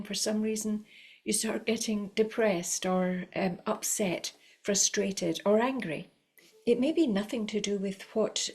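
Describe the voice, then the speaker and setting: A middle-aged woman violin teacher giving a spoken lesson, talking in a calm, encouraging and unhurried way with frequent fillers. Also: medium pitch.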